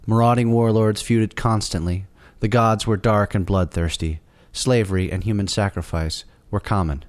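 A man hosting and narrating a scripted story in a wry, dramatic delivery with deliberate pauses. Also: fairly low pitch. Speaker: host and storyteller. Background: music bed.

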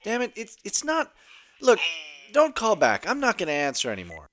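Man acting a frazzled, indignant grump with wildly swinging pitch. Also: huge pitch swings, normal speed, fairly bright tone, heavily acted. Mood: exasperated. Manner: exasperated, stammering. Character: frazzled, indignant man feuding with Santa, ranting and sputtering. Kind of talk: comic audio drama acting.

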